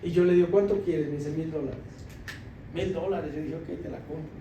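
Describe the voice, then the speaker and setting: A high-voiced man preaches as a deacon, telling a story with animation and laughter. He drops his voice low to quote others. He is heard from far off in an echoey church hall with faint ambient noise. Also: fairly even intonation, normal speed, warm tone, dull audio. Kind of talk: sermon testimony.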